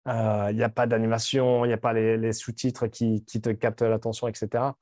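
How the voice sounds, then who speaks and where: A man's voice: on the low side, little pitch movement, fairly quick, a little mellow, dry recording, clean studio sound. A man in his late thirties talking frankly and casually to camera, rambling with restarts and casual swearing. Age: 30s. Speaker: vlogger. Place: home in Dubai.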